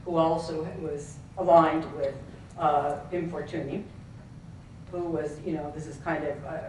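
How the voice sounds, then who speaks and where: A professor asks a question from the audience at a conference, addressing the panel earnestly but rambling through many asides. Captured from far off in a very echoey hall, the mid-range voice carries a little hiss or hum.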